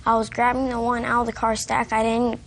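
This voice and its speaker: Young female witness, high, very animated, creaky. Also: slight background noise. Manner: halting, simple, repetitive phrasing. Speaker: witness in TV court. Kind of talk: unscripted testimony.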